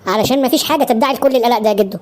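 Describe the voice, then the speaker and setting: A woman's voice: on the high side, very fast, darkish tone, natural voice. A woman voicing a headstrong young male detective in an Egyptian cartoon, speaking with an Egyptian Arabic accent and a boastful, reassuring manner. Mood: determined. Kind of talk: Egyptian cartoon dub acting.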